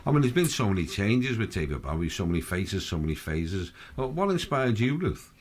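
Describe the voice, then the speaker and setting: A man's voice: lowish voice, very animated, a little fast. A man hosting a chatty, informal and jokey radio interview.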